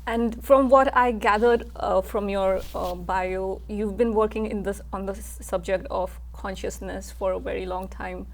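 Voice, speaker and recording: A woman's voice: mid-range voice, fairly even intonation, unhurried, vocal fry, hardly any pauses. A woman hosting an interview, friendly and eager, introducing her guest with some hesitant fillers. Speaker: host.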